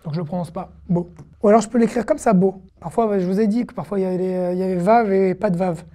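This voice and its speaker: A woman teaching an online reading lesson, patiently repeating syllables slowly with casual fillers. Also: mid-range voice, fairly even intonation, mellow. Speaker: Hebrew teacher.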